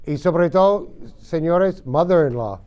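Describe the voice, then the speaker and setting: A middle-aged man teaching an English vocabulary lesson to a classroom of students, speaking slowly and patiently and repeating words for them to echo back. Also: on the high side, lively intonation, mellow. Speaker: ESL teacher.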